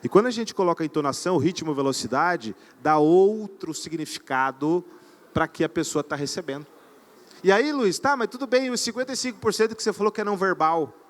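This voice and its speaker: A man giving an energetic live seminar talk on stage, often quizzing his audience. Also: sits high, brisk. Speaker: conference speaker. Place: event stage before an audience.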